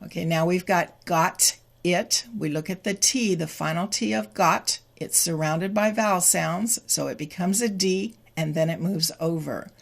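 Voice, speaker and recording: A woman teaching English pronunciation, explaining sound changes step by step and repeating example phrases slowly. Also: lowish voice, creaky. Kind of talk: slow, deliberate teaching explanation.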